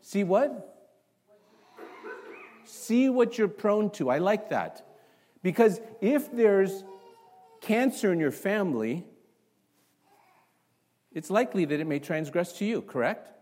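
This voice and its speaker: Slowly and with long pauses, a male Canadian pastor gives a sermon to his church congregation. His voice is a little high for a man, and he keeps lobbing rhetorical questions at the room in an animated way.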